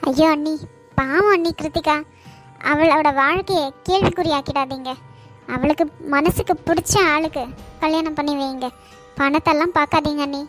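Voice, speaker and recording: A woman's voice: high voice, moderate pace, fairly bright tone. A woman voicing a kind, protective aunt in a cartoon, speaking in a soothing, affectionate way. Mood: pleading. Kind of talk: cartoon voice acting. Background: faint background music.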